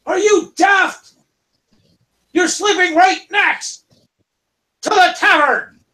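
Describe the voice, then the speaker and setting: A man voicing stern male kobold city guards who shout and scold. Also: very high-pitched, measured pace, pitched above the performer's own voice, full character voice.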